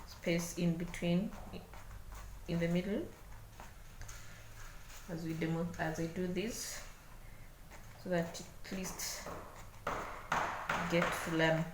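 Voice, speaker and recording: Woman, Kenyan accent, lowish voice, craft tutorial host, halting unscripted delivery, echoey room. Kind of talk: hands-on demonstration, unscripted talk. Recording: echoey room, clear background noise.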